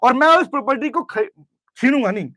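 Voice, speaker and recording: A man teaching a class, lively, constantly questioning his students and acting out examples. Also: extremely high pitch, fairly quick, dry recording. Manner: lively, questioning students, mixes English terms into speech. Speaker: commerce teacher. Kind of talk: classroom lecture with role-play. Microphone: camera recording in class.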